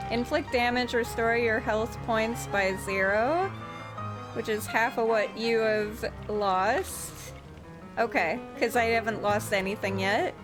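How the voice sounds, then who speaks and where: A woman doing let's-play commentary on a video game, reading game text aloud and pausing as she goes. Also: fairly high pitch.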